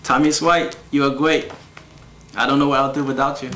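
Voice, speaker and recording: An actor playing a brisk, upbeat man who runs a cargo office, recorded in an echoey room with faint music. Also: medium pitch, level tone, a bit bright, a little hiss or hum, lightly acted. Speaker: office boss. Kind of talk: low-budget film acting.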